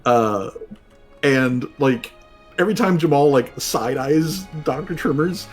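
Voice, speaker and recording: A man running a tabletop role-playing game as game master, narrating in a casual, halting and rambling way. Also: mid-range voice, expressive. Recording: music playing behind the voice. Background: background music.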